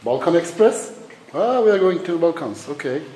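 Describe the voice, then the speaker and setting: A man's voice: on the high side, lively intonation, normal speed, dark tone. Man, photographer, light and teasing, echoey room, noise behind. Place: large echoey hall with a group.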